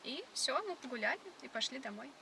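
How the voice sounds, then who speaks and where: A woman's voice: sits high, lively intonation, fast talker. A young woman from Moscow chatting on a date in a matter-of-fact, demanding way. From Moscow, Russia. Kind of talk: casual date banter. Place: inside a car. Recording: distant in-car sound, faint noise.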